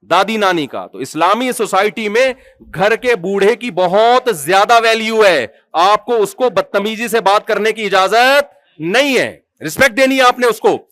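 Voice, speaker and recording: A man's voice: high voice, dry recording. A man with a Pakistani Urdu accent preaching a sermon, telling humorous stories and asking the audience questions. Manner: humorous, animated storytelling with acted quotes.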